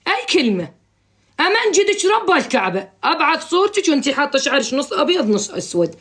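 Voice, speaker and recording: A woman hosts a live stream, handing out blunt, teasing advice. She talks very fast in a fairly high voice. Her sound is that of a phone mic. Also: big pitch swings, a bit bright. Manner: teasing, blunt, joking scolding.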